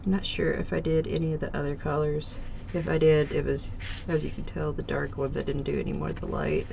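Speaking briskly in a low, gravelly voice with little pitch movement, a congested craft channel host walks through her stitching projects at home. She sounds slightly nasal and rambles with many ums and restarts. The audio is dull and the background noisy.

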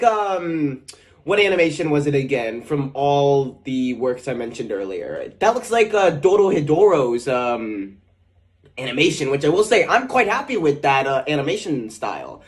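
A YouTube host reacting to an anime trailer, gushing and excitable, often restarting sentences and breaking into excited shouts. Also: mid-range voice.

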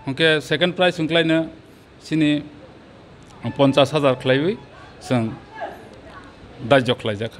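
A man's voice: fairly high pitch, steady tone, a little hiss or hum. Hesitant middle-aged man from Tripura. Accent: Kokborok. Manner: hesitant, many pauses and fillers. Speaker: sports committee president. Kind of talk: outdoor interview answers. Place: open pavilion beside a sports ground. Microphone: handheld mic held by interviewer.

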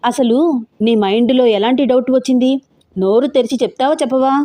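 A woman voicing a teasing, quick-tempered young man in an audio love story, bossy and quick to snap. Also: a little high, dark tone, lightly acted. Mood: irritated. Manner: teasing then snapping, bossy.

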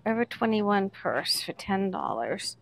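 A woman's voice: mid-range voice, big pitch swings, a little slow, vocal fry, dry recording. A woman hosting a vlog, chatting casually as she points out items on shop shelves one by one. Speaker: vlog host, reseller. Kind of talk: casual commentary while browsing a shop.

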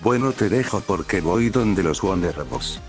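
A man reading the lines of a caring tomboy female pegasus pony in a slow, drawn-out way. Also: low-pitched, lively intonation, over music. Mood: friendly. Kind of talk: reading fan fiction aloud.

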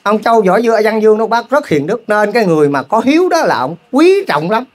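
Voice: mid-range voice, very animated. A lay preacher with a Southern Vietnamese accent, telling a moral story as a sermon and keeping the congregation involved with rhetorical questions. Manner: keeps asking the audience rhetorical questions; repetitive, folksy, halting restarts.

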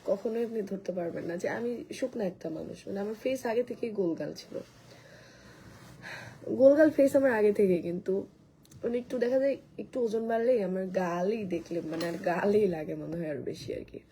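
A woman, hoarse from coughing, rambles casually through a live stream and answers viewer comments. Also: medium pitch, quick pace, mellow, slight background noise, low-quality recording. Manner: rambling, restarts a lot, reads commenters' names aloud. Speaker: live streamer selling skin care.

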